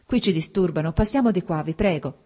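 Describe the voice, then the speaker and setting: A woman's voice: on the low side, animated, fairly quick, dark tone. A woman reading the part of a distressed married woman who pleads urgently for her friend in an audiobook. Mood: desperate.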